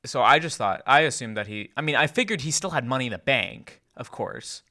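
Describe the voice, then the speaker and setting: A young man co-hosting a podcast, chatting in quick animated rambling bursts. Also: mid-range voice. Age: young adult. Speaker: podcast co-host. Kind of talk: casual chat.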